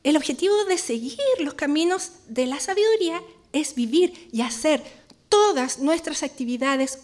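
A woman teaching a Bible study in a conversational way, often checking in with her listeners. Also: high-pitched.

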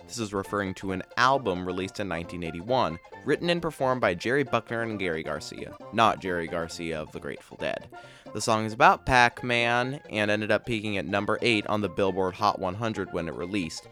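A man's voice: fairly low pitch, expressive, a little fast, a bit bright, soft background music. A man hosting a podcast, reading scripted explainer narration about video game trivia in a dry, matter-of-fact way. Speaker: podcast host.

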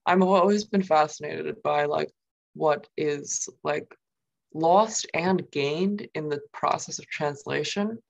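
Speaking slowly in a low, creaky voice, this young New Yorker is a guest poet being interviewed. Her casual talk wanders, heavy with fillers like "um" and constant "like."

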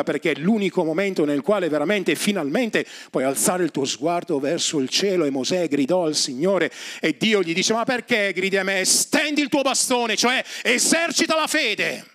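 A man preaching a sermon as pastor, moving from hushed, intimate lines to rising, emphatic refrains. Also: high voice, normal speed. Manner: repetitive, building refrains. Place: church.

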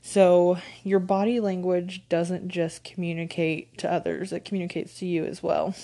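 A woman's voice: fairly low pitch, level tone, normal speed, warm tone. Stuffy-nosed woman hosting a podcast. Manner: conversational, frequent ums, light laughs. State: stuffed-up nose. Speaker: podcast host, confidence coach. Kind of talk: casual solo podcast talk.

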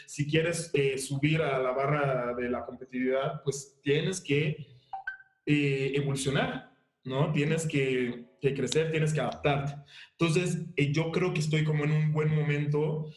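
A man with a Mexican Spanish accent, a guest actor talking casually in an interview, halting with many fillers and restarts. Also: on the high side, steady tone. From Haiti and Mexico. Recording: roomy echo.

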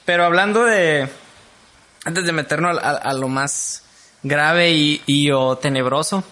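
A young man with a Mexican Spanish accent, co-hosting a podcast in slangy, animated casual chat. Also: a little high, a little slow, slight background noise. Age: young adult. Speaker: podcast co-host.

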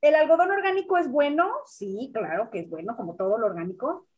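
Young Mexican woman, guest expert, lively casual delivery, a bit high-pitched. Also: a little fast, husky, highs cut off. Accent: Mexican Spanish. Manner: animated, casual slang, frequent fillers. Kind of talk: conversational explaining.

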